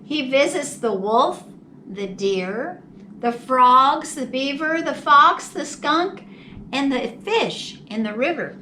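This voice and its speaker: A woman hosting children's storytime reads a picture book in a high, bright voice, slow and expressive, with deliberate, animated, drawn-out phrasing. She's a bit far from the mic, and faint background noise can be heard.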